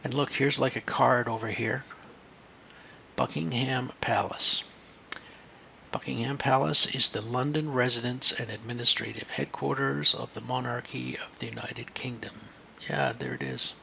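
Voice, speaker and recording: A man's voice: medium pitch, unhurried, gravelly, pushed and bright, slight background noise. A man teaching a screen-share lesson for kids, chatty and thinking aloud as he points things out.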